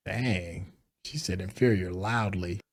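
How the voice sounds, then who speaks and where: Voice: low-pitched, takes it slowly. A reaction show host giving casual, slangy commentary with playful paraphrases.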